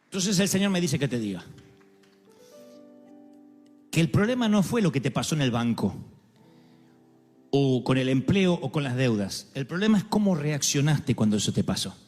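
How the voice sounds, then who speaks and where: A man's voice: medium pitch, sing-song, moderate pace, long pauses, a little mellow. A man preaching a dramatic sermon, acting out quoted voices with humorous asides. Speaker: pastor. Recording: live hall with long reverb, faint music.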